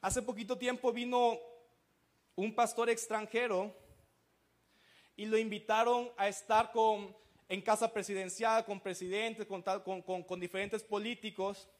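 A man's voice: high-pitched, a little slow. A man, a pastor preaching a sermon and telling stories with acted-out voices. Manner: animated storytelling, acting out quoted voices.

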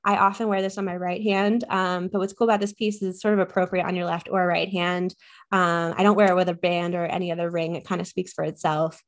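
A woman's voice: lowish voice, level tone, quick pace. Chatty woman guest with frequent ums. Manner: chatty, many ums, enthusiastic. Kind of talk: casual podcast interview.

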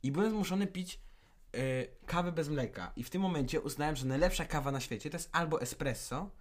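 A man's voice: on the high side, a little fast. A teenage man co-hosting a casual podcast, chatty and jumping from topic to topic. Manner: chatty, jumps between topics. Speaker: podcast co-host. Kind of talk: casual chat.

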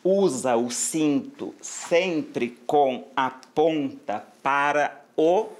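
Brazilian man explaining etiquette slowly. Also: fairly high pitch. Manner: measured, explanatory, stretches key words. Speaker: guest, etiquette author. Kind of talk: casual podcast chat.

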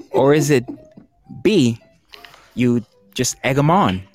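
A man's voice: medium pitch, lively intonation, slow pace, faint music behind. A man hosting an online trivia game show for poets, chatty and jokey, laughing often.

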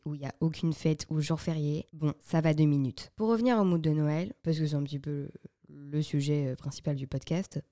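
Chatty young woman podcast host, low and mellow. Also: no echo, clean studio sound. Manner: chatty, playful, self-mocking. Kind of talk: casual chat.

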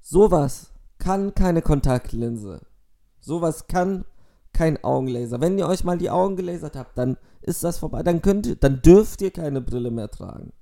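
A man's voice: on the high side, lively intonation, moderate pace, vocal fry, dark tone. A man delivering a mock school presentation in an emphatic, pompous, oratorical way.

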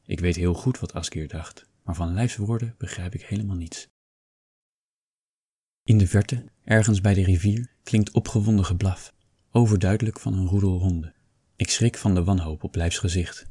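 Deep, husky male narrator. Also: steady tone, moderate pace, dark tone, dry recording. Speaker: audiobook reader. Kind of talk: first-person novel narration.

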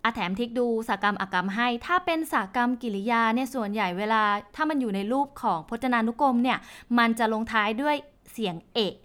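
A woman's voice: on the high side, a little fast, few pauses, a bit bright, clean tone. A young woman hosting a podcast and explaining each point step by step in a chatty, casual way. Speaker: language podcast host. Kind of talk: casual spoken lesson.

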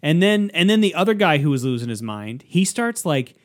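Man, podcast co-host, casual storytelling, rambling, acted-out quotes, slightly high voice. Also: big pitch swings, a little fast.

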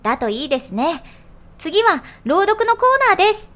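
Lady reading a folktale on a podcast, polite formal tone, quite high pitched. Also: sing-song, moderate pace, a bit bright. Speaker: podcast co-host and story reader.

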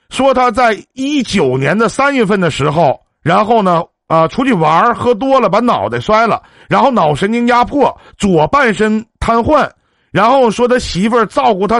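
A man's voice: high-pitched, very animated, normal speed, fairly bright tone, dry recording, studio quality. A man with a Northeastern Mandarin accent hosting a live-stream relationship advice show, chatting on the phone in a brash, joking, big-brotherly way. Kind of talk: casual phone counseling chat on a live stream.

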